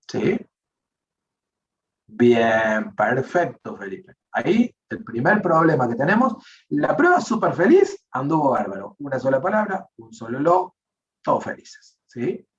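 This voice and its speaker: Male programming teacher, Rioplatense accent, patient and explanatory, distant muffled class recording. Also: mid-range voice. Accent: Rioplatense Spanish. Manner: explanatory, checks in with frequent "¿sí?". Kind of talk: online class, live coding.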